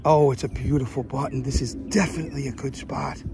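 A man narrating his metal detecting finds outdoors in a casual way, often exclaiming with excitement. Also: mid-range voice, fairly quick. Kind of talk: casual narration while digging. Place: outdoors in a large field.

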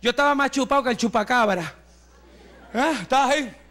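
A man in his forties, a pastor giving a fervent testimony sermon that rises to shouts, with joking asides. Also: very high voice, animated, brisk, a faint crowd. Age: 40s.

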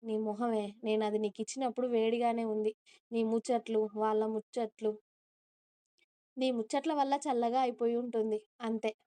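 A woman puts on a middle-aged mother-in-law who scolds and teases with fondness. The voice is mellow and smooth, somewhat high. It is captured dry and close. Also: flat delivery, normal speed, no room sound, close to an everyday voice. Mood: scolding. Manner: teasing, scolding.

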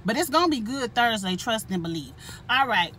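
A woman's voice: a little high, expressive, fairly quick, sharp tone, a little hiss or hum. A woman hosting her own channel, giving a casual, blunt and profane commentary straight to her viewers, laughing often. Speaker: channel host reviewing a reality show.

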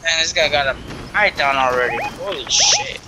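A man's voice: on the high side, huge pitch swings, moderate pace. A young man chatting casually as he streams a game, talking in sweary frat-bro slang over game noise. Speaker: gamer streaming to viewers. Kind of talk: casual live gaming chatter. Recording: noisy game sound behind voice.

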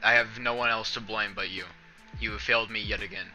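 Bright-voiced young man rambling on stream. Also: lowish voice, fairly even intonation, a little fast, faint music behind, low-quality recording. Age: young adult. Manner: self-deprecating, sarcastic, swearing. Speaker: streamer and video editor. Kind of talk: casual rambling livestream chat. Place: small bedroom indoors.

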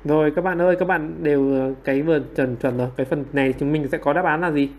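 A man teaching online English over a livestream quiz, prodding students for their answers and laughing off his own mistakes with quick apologies. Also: fairly high pitch, fairly even intonation, background noise.

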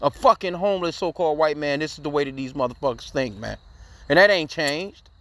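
A man's voice: on the high side, a little fast, fairly bright tone. A man giving heated, profane, rambling commentary, tagging his sentences with "man", in casual talk to his viewers. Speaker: commentary channel host.

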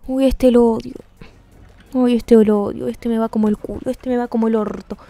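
A young woman with a Rioplatense Spanish accent, gaming and chatting casually, swearing and shouting at the game between asides to viewers. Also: a little high, steady tone, normal speed, gravelly, background noise. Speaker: gaming streamer.

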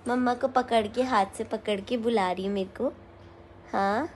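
A woman's voice: on the high side, fairly even intonation, normal speed, a little hiss or hum. A woman with a fever cooing and repeating phrases in baby talk to her pet at home. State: sick with a fever. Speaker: vlogger.

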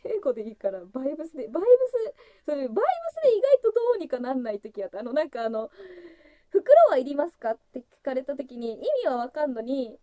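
A woman in her thirties chats on a casual solo livestream, her high voice leaping around and often spilling into giggles. Her tone is mellow and soft, and the recording is close and dry with no room sound. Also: lively intonation, very fast, hardly any pauses, no echo. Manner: chatty and giggly, breaks into frequent laughter, voice jumping high. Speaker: livestream host opening fan gifts.

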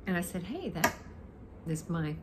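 An older woman with a low voice and a dry throat talks casually and reminiscently, wandering from one thought to the next. She is recorded in a living room at home, with clear noise in the background. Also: sing-song, measured pace. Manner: rambling, reminiscing. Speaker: amateur guitarist introducing a song. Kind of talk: casual chat to camera. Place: living room, indoors, on a sofa.

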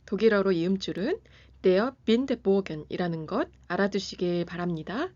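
A woman hosting a music lesson, reading a scripted lesson and pronouncing German terms slowly and carefully. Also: medium pitch, expressive, a little mellow, lo-fi sound. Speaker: piano teacher and channel host.

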